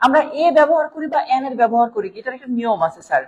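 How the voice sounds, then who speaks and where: A woman with a Bangladeshi Bengali accent gives a live online grammar lesson in a fairly high voice. She explains patiently, step by step, checking in with her listeners as she goes. A long reverb trails each phrase. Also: expressive, racing, a little mellow, dull audio. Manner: explanatory, checks in with "right?", addresses viewers as "sir". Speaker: English grammar teacher.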